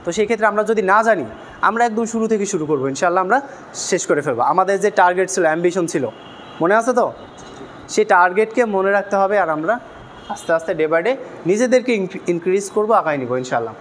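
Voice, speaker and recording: A man's voice: high voice, lively intonation, rapid-fire, fairly bright tone, slight background noise. A young man teaching a beginner class in a classroom, quizzing the students with repeated questions. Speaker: English teacher.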